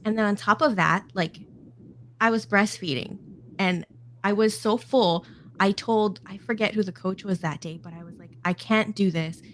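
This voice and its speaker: A woman's voice: medium pitch, normal speed. Chatty lady talking workouts, laughs a lot, faint noise behind. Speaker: guest mom. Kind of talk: casual chat.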